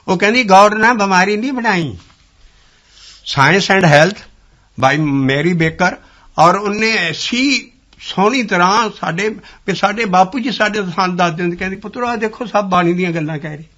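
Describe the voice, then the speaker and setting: Man giving a Sikh sermon, raised pitch, gravelly edge, quotes and sings scripture lines. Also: expressive, moderate pace, bright, forceful tone, muffled recording. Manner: explains scripture, quotes verses, breaks into sung lines. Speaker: Sikh preacher and kirtan singer. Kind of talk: Punjabi gurbani sermon with sung verses.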